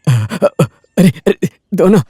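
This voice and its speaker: A man's voice: high voice, expressive, drawn-out words, mellow, breathy edge, no echo, studio quality, soft background music, exaggerated voice. A male voice actor dubbing a broke, naive village man who keeps begging for money, in a comic pleading manner. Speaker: poor debtor villager. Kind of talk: Hindi film dubbing.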